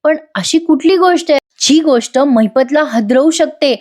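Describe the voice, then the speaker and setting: A woman's voice: high-pitched, moderate pace, a little mellow, pitched above the performer's own voice, natural voice. A woman voicing a determined young woman who plans a strike against a villain. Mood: resolute. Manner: earnest, resolute.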